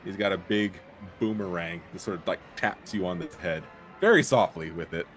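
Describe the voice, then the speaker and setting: A man's voice: sits low, moderate pace, a bit bright, soft background music. A man narrating an improvised tabletop role-playing game as game master.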